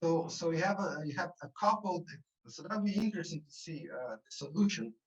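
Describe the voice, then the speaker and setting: A man's voice: on the high side, animated, a little fast. Man moderating a conference Q&A. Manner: inquisitive, methodical questioning. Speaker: session chair and moderator. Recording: muffled, fluctuating video-call audio.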